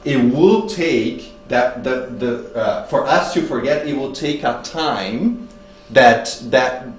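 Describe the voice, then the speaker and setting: This is a religious talk full of storytelling, given by a speaker at a spiritist public meeting whose voice is on the lower side. He hesitates and searches for his words, and the recording carries a roomy echo along with faint hum and noise.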